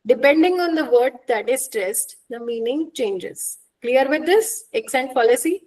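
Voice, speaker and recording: A woman teaching an online exam-prep lecture, explaining with examples and checking understanding with quick questions. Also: high voice, expressive, darkish tone, rough recording.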